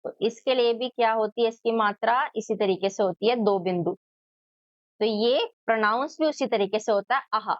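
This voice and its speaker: A woman teacher giving a children's lesson, sounding out each letter slowly and answering her own questions. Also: a little high, no echo, muffled recording.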